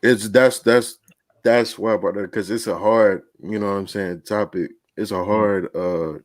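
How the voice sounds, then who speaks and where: A man's voice: fairly low pitch, fairly even intonation, a little slow, no room sound. A man in casual podcast chat, talking loosely and often saying "you know what I'm saying". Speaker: podcast guest.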